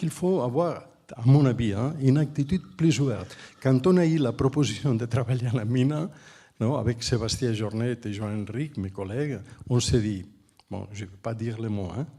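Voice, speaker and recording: A man from Spain with a Spanish accent, a non-native speaker giving an unscripted conference talk as an urban planner, halting and emphatic, often repeating words. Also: medium pitch, warm tone, slightly rough. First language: Spanish or Catalan.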